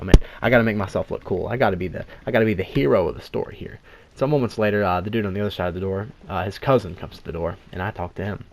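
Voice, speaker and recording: Man, casual storytime narration, low voice, fast, rambling, joking. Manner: rambling, joking, lots of "you know" fillers.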